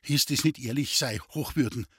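Young man, as read by a male narrator, Bavarian accent, proud soldier, insistent, husky, dry sound. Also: medium pitch, moderate pace, fairly bright tone, no room sound. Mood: determined. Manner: eager, insistent.

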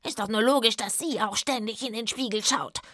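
A woman's voice: a little fast, bright, forceful tone, dry recording, clean studio sound. A woman voicing a vain, hot-tempered king who shrieks and squawks in a children's radio drama. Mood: huffy. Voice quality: shrill, squawking. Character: vain shrieking male king, easily enraged.

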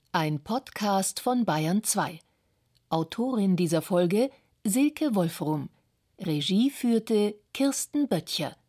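Woman, radio announcer, scripted credits reading, slow pace, warm soft tone. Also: medium pitch.

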